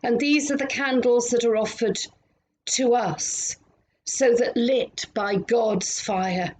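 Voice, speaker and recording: A woman minister at home, leading a gentle, meditative prayer and reflection with long pauses. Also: on the high side, fairly even intonation, a little hiss or hum, low-quality recording.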